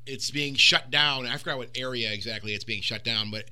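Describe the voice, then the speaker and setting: A man's voice: medium pitch, fairly quick, bright, forceful tone, smooth. A man hosting a podcast in casual chat, rambling loosely and swearing now and then. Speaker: podcast host. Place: Michigan recording room.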